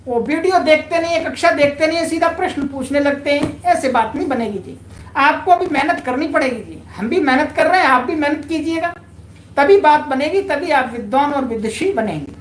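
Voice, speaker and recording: Female Sanskrit teacher, high voice, patient and repetitive, echoey room. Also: expressive, fairly quick, slight background noise. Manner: patient, repeats key points, addresses viewers politely. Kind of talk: online grammar lesson.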